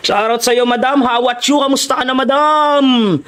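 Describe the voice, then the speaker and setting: A man's voice: very high-pitched, level tone, quick pace, fairly bright tone. A man with a Filipino accent giving playful, teasing commentary while live-streaming a game and greeting his viewers.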